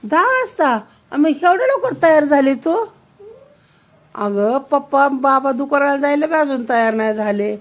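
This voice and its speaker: A young woman, a mother, chatting playfully with her little daughter, teasing her with lots of quick questions. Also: high-pitched, animated.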